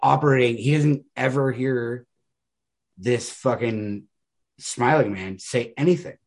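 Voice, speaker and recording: Unhurried and mid-range in pitch, this man co-hosts a podcast, breaking down a story casually and analytically. His style is rambling and emphatic, with "like" scattered throughout.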